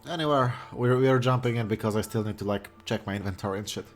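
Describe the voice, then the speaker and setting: A man runs a let's-play stream while chatting with friends. He throws out quick quips and often restarts his sentences mid-word. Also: lowish voice. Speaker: streamer playing the game. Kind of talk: casual gaming chat.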